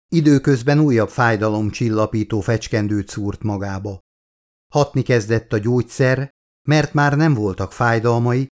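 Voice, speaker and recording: A man narrating an audiobook in a steady, measured reading. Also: fairly low pitch. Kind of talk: scripted narration.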